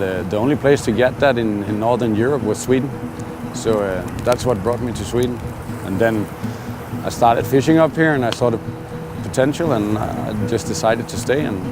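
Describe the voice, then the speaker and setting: A man's voice: mid-range voice, background noise. Danish-born fishing guide, candid man. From Denmark. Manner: relaxed and candid, with frequent "uh" and restarts. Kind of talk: documentary interview. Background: music.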